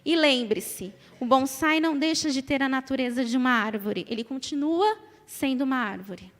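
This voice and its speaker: A woman's voice: high-pitched, moderate pace. A Brazilian woman in her thirties preaching an emphatic church sermon, repeating phrases and calling on the congregation to answer. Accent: Brazilian Portuguese. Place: church hall. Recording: reverberant church hall.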